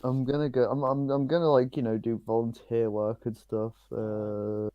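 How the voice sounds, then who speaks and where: A man's voice: medium pitch, level tone, moderate pace, no echo, dull audio. A man co-hosting a podcast, chatting casually, giggling often and rambling through restarts. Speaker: podcast co-host. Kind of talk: casual banter.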